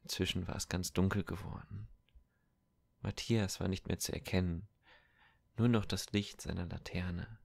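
A man reading an audiobook with calm, measured storytelling. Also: deep voice, gravelly, no echo. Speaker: audiobook reader. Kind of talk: audiobook narration.

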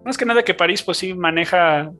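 A podcast host with a Mexican Spanish accent who asks questions in a relaxed way, often adding "right?" and restarting phrases. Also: medium pitch, a little fast, soft background music. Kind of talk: casual podcast interview.

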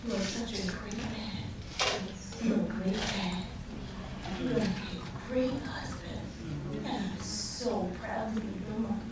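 Slow-spoken middle-aged woman, emotional wedding toast, booming hall reverb, loud noise behind. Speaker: groom's mother giving a toast. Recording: echoey hall, distant mic, loud background noise.

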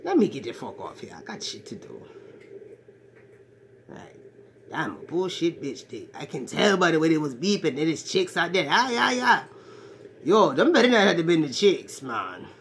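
A woman speaks in a low, sing-song voice at normal speed, portraying a crude, brash man in his forties with a swaggering ladies'-man manner. She rambles comedically into a phone camera at arm's length in a small, cluttered bedroom, with slight background noise.

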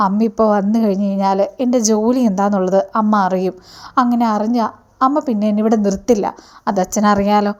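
A woman's voice: medium pitch, steady tone, fairly quick, darkish tone, lightly acted. A woman voicing an anxious young daughter. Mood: worried.

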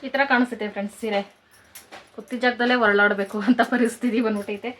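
A woman's voice: a little high, steady tone, fast talker, a bit bright. Brief: woman, late twenties, rural Kannada accent, playful home vlogger speaking to fans, phone-recorded with faint hiss. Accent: rural Kannada, Kanakapura area. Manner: joking, addresses viewers as friends, coos at pets. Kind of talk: casual chat to viewers. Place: village home, indoors and outdoors.

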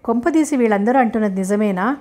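A woman's voice: a little high, fast, mellow, natural voice. A woman voicing a heartbroken young man who speaks hesitantly and pleads, in a storybook reading. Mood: hesitant, pleading.

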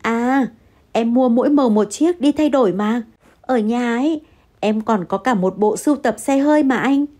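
A woman's voice: on the high side, moderate pace, warm tone, lightly acted. Woman putting on a cooing rich mistress. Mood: cooing flirt. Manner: cooing, sugary, calls him "darling".

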